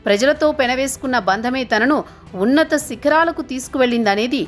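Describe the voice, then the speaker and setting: A woman reading a scripted news voice-over in a measured, formal way. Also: high-pitched, faint music behind. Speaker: news narrator.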